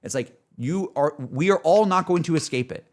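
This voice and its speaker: The voice is a man's, on the high side and a bit mellow, with lively intonation at a moderate pace. He's a game streamer doing casual livestream chat and emotional reflection on games, earnest and emphatic, rambling and repeatedly looping back.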